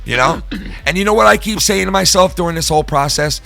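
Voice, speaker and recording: A man's voice: high voice, fairly quick, gravelly, sharp tone, faint music behind. A man hosting a live show in casual livestream talk, profane, rambling and emphatic.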